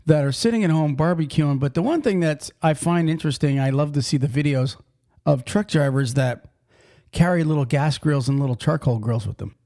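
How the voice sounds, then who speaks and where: A man's voice: a little high, fairly quick, mellow. Folksy rambling male podcast host. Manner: folksy, rambling, frequent restarts. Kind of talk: casual trucking podcast chat.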